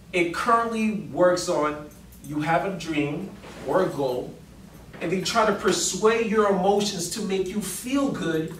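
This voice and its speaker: A man giving a storytelling speech to an audience, animated and dramatic, with emphatic rises. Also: high-pitched. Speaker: public speaker. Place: meeting room before an audience. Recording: roomy hall sound from a distant mic with faint noise.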